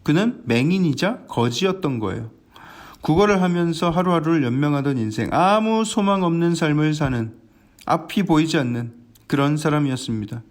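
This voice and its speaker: Earnest, animated Korean pastor. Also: male voice, a little high. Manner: earnest, animated, acts out scenes. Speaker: senior pastor. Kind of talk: dawn prayer sermon.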